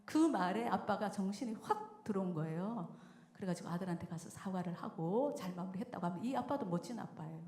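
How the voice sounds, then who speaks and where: A woman's voice: medium pitch, a little fast. A woman minister giving a sermon to a mothers' prayer meeting, telling stories and acting out the people in them, with frequent chuckles. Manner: lively storytelling, acting out quoted voices with frequent chuckles. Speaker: church minister preaching. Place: church sanctuary. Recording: echoey church hall with long reverb.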